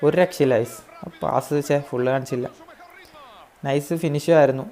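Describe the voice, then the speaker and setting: A man with a hoarse voice giving excitable live commentary on his own football video game match, mixing English phrases into his talk. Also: medium pitch, moderate pace. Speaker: gaming YouTuber.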